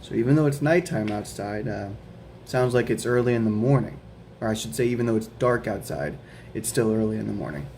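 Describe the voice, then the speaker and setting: There's slight background noise as a man, his voice on the low side, reads aloud from a children's picture book. He's a guest reader, going slowly and gently and stopping now and then to quiz the young listeners.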